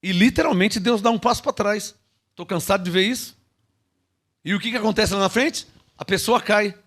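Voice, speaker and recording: A man preaching a sermon, swinging from loud, drawn-out calls to hushed asides and checking in with his listeners. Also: high voice. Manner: checks in with the listeners, calling out "alô?" and "irmão". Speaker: pastor.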